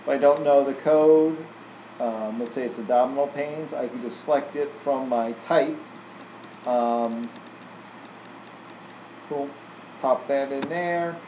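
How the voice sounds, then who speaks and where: Slowly and with long pauses, a mid-range male voice guides someone through software in a casual, informal tutorial manner, like a trainer, frequently adding "right?". The indoor screen-recording voice-over has a roomy echo and faint air-conditioning hum.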